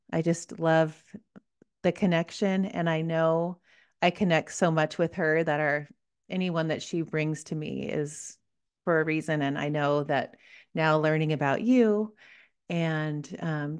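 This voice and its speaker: A woman's voice: lowish voice, clean tone. A middle-aged woman hosting a podcast over a video call, gushing and rambling with many fillers as she introduces her guest. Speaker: podcast host. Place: living room at home, indoors. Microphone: large podcast microphone on video call.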